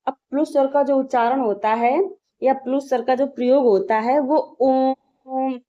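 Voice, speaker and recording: Female tutor, a touch high and mellow, poses questions and answers them herself, lo-fi recording. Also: fairly even intonation, moderate pace. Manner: repeats "ठीक है" as a check-in, drills sounds aloud. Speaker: teacher. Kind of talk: exam-prep grammar lesson. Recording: slightly dull lo-fi audio.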